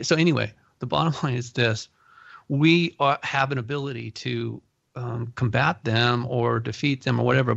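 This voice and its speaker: A man hosting an interview, telling animated personal stories and laughing often as he talks. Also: medium pitch, gravelly, dry recording, muffled recording. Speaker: podcast host. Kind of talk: casual interview storytelling.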